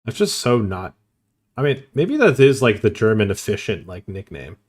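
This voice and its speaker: A man's voice: lowish voice, big pitch swings, normal speed, a little mellow, breathy edge. A man streaming online poker, thinking aloud in casual, self-mocking commentary and swearing freely.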